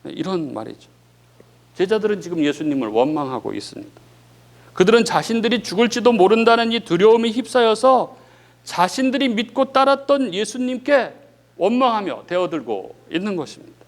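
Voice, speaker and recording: A man preaching with a high, very animated voice that swoops between bold peaks and hushed low endings. He fills pauses with a short affirming word and acts out the feelings in the story as he speaks. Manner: dramatic preaching that acts out the disciples' cries, rising and falling sharply; frequent filler "예" between phrases. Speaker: pastor. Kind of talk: sermon.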